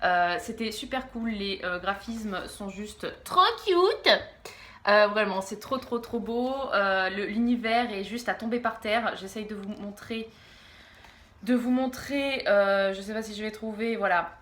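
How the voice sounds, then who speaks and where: A young woman reviewing graphic novels in a casual, halting way, giggling often and slurring a little because she is groggy from medication. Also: mid-range voice. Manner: giggly, halting, stumbles over words. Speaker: book vlogger.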